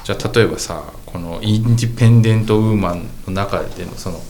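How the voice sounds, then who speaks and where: Low-voiced man in loose chat. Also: fast talker, mellow, a little hiss or hum. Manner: rambling, heavy fillers, teasing. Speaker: fashion journalist co-host. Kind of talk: casual podcast chat.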